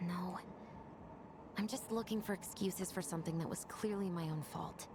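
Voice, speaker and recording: A woman playing an earnest young bomb maker in a video game, sincere and troubled, quick to blame herself. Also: on the low side, close to an everyday voice. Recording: game audio with clear noise.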